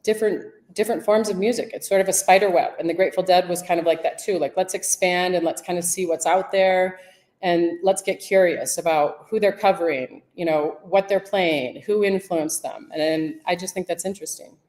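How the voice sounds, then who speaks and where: A woman's voice: lowish voice, fairly even intonation, a little fast, a little mellow. A woman podcast guest who talks in a chatty, self-deprecating way, often restarting her sentences. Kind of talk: casual interview chat.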